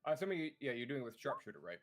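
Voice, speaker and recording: Lively swearing man running the game. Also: mid-range voice, rapid-fire. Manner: animated, swears freely, narrates combat. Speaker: dungeon master. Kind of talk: running a tabletop game, casual.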